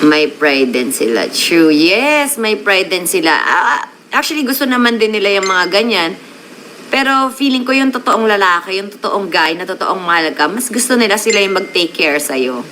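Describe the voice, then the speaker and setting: A woman's voice: mid-range voice, lively intonation, moderate pace, a bit bright, a little hiss or hum, poor audio. A woman hosting a casual live stream, chatting with her viewers and mixing English words into her Tagalog.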